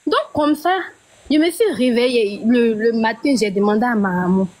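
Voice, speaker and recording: Fairly high-voiced woman caller. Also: moderate pace, a little mellow, rough recording. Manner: hesitant, repeats and restarts phrases. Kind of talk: phone-in storytelling.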